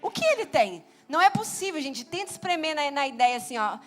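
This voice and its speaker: A Brazilian woman in her thirties preaching a Sunday sermon in church, animated and acting out little quoted voices. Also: high voice, brisk. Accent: Brazilian Portuguese. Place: church sanctuary.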